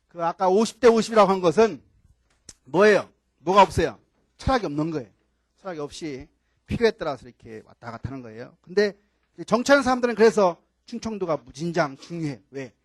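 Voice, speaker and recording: Giving a classroom lecture, an older professor from Chungcheong, Korea, repeatedly asks his class questions and returns to key words. His voice sits high, and there's no room sound.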